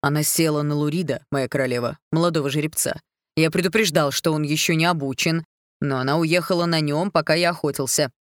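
A woman's voice: low-pitched, steady tone, brisk, dry recording, studio quality, lightly acted. A woman voicing a respectful male huntsman reporting to his queen in an audiobook. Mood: earnest. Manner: firm, deferential report.

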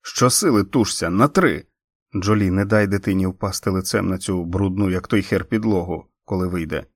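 A man's voice: deep voice, little pitch movement, fairly quick, darkish tone, dry recording, clean studio sound. A man voicing a woman helping at a birth who gives firm, urgent orders, in an audiobook reading. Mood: urgent, commanding. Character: woman midwife, urgent, commanding. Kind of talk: audiobook character voice.

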